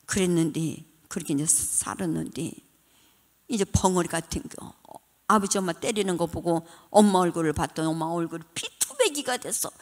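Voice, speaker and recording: Older woman, church testimony, lively swooping pitch, long reverb of a church hall. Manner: animated storytelling, dramatic retelling of childhood. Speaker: church deaconess giving testimony.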